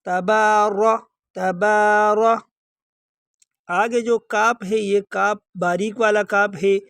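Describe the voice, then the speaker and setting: A man with a high voice teaches recitation, explaining pronunciation patiently and repeating words slowly. The sound is dry and close, with no room echo. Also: fairly even intonation, gravelly, fairly bright tone, clear, resonant tone. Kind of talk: tajweed lesson, explaining then chanting verses slowly.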